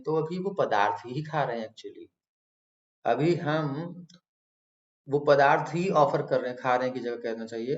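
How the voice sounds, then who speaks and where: Man preaching a storytelling sermon. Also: mid-range voice. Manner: storytelling, explanatory, emphatic. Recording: roomy, dull lo-fi.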